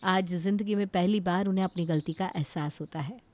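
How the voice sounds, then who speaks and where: A woman narrating a cartoon story in a calm, even manner. Her voice is low and mellow, suited to bedtime storytelling. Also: fairly quick.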